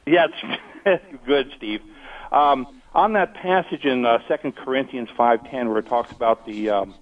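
A man's voice: medium pitch, moderate pace. A man calling in to a radio show over the phone, speaking hesitantly with many ums and restarts. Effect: phone-line caller on a radio show. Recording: tinny distant phone line.

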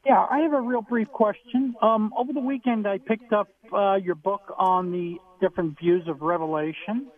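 A man speaks over a tinny, narrow phone connection as a caller to a talk show. His voice sits high for a man. He hesitates often, filling gaps with ums and restarting his sentences. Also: fairly even intonation, normal speed, hardly any pauses. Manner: hesitant, many fillers and restarts. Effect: heard over the phone. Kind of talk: casual call-in question.

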